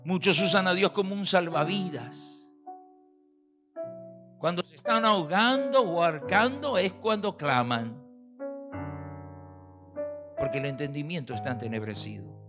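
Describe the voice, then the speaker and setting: A male pastor delivering a sermon, preaching emphatically with rhetorical questions and pauses. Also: fairly high pitch. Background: piano and keyboard music.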